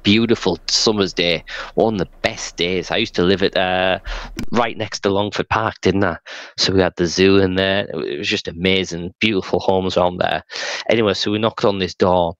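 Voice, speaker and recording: Middle-aged male, low register, conversational storyteller who rambles with emphasis; close dry sound, dulled by the call. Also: steady tone, moderate pace, a bit bright, no echo, dull audio. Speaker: street evangelist being interviewed. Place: small room at home, video call. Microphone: headset microphone.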